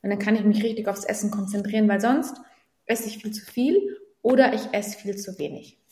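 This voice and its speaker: A woman's voice: medium pitch, steady tone, a little fast, mellow. Woman in a roomy echo. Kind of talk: casual chat.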